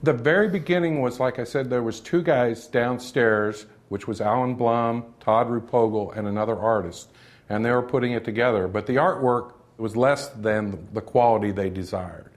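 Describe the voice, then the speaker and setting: A man's voice: mid-range voice, normal speed. A man, a game developer, recalling his studio days in a rambling, conversational interview. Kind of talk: interview recollection.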